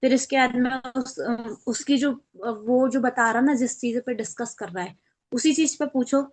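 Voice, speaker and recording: A woman's voice: on the high side, normal speed, darkish tone. A woman teaching an online training class on a video call, explaining step by step and acting out sample phone calls.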